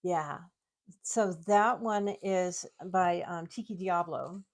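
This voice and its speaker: A woman's voice: fairly low pitch, takes it slowly. Chatty woman showing off her collection. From United States. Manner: explains at length, laughs often. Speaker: guest, tiki mug collector. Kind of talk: casual chat, show-and-tell.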